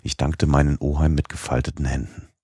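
A man narrates an audiobook in a measured, expressive way. His voice is extremely deep and husky. The recording is dry and close, with no room sound. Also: no echo.

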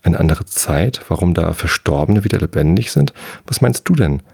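A man's voice: deep voice, very animated, moderate pace, creaky, mellow, breathy edge, dry recording, clean studio sound, full character voice. A man voicing a bitter, sleepless nightmare gnome in a bedtime story reading, lecturing in a condescending way.

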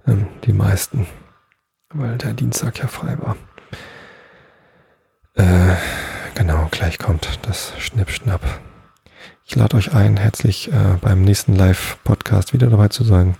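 Deep gravelly man reading a bedtime story. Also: slow pace, dark tone. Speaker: bedtime podcast host and reader.

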